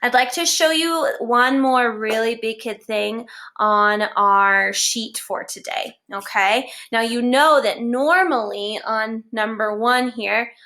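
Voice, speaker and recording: Slow, bright-voiced woman teaching phonics. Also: on the high side. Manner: slow, encouraging, sounds out letters one by one. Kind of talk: phonics lesson for young children.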